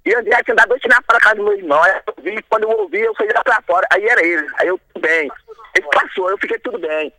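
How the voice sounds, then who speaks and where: A man phoning in to a radio show, his voice high and bright. He talks fast, rambling and repeating himself. His agitated delivery swings widely in pitch. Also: big pitch swings, creaky, no room sound, rough recording. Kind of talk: phone-in talk. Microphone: phone line.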